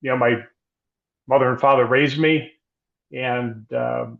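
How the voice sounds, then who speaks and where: Middle-aged guy, gravelly voice, pretty monotone, thoughtful and measured, kinda muffled audio. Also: mid-range voice. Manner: measured, thoughtful, with frequent restarts. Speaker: guest, emergency physician. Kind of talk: reflective interview conversation.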